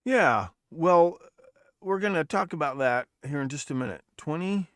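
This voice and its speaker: On his podcast livestream, the host talks at a normal pace in an animated, fairly bright voice on the high side. He's chatty, profane and rambling, frequently restarting sentences to correct himself. The recording is dry and studio-clean.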